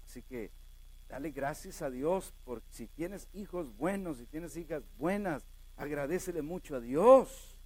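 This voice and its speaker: Animated pastor, lively high voice. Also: male voice, a little slow, breathy edge. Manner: animated storytelling, questions to the congregation. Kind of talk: sermon.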